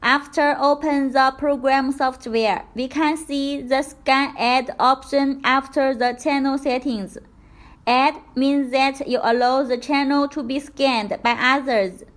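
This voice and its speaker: A woman with a high-sitting, steady voice presents a product tutorial. She reads scripted instructions carefully and deliberately, one step at a time.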